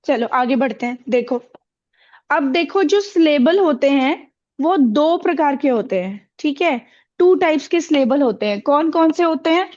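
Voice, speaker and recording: A woman's voice: sits high, expressive, a little slow, darkish tone, lo-fi sound. A woman teaching a classroom, asking the pupils questions and repeating their answers with encouragement.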